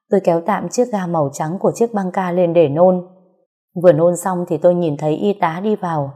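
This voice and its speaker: Low, mellow woman narrating a story. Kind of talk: scripted horror story narration.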